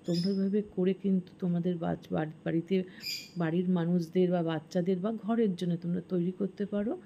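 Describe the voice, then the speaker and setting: A middle-aged woman hosting a home cooking vlog, talking quietly in her kitchen early in the morning while filming on a phone held in one hand. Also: lowish voice, lo-fi sound, slight background noise. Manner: speaks softly so as not to wake the house. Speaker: cooking vlogger. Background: birds chirping outside.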